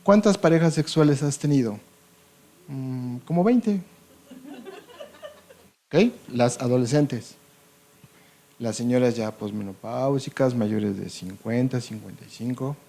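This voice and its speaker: A male doctor with a Mexican Spanish accent gives a medical lecture to a live audience. His voice is dark and mellow, and he keeps asking the room "ok?" to check that they follow. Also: medium pitch, normal speed, creaky. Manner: conversational, checks in with frequent "ok?" and "¿sí o no?".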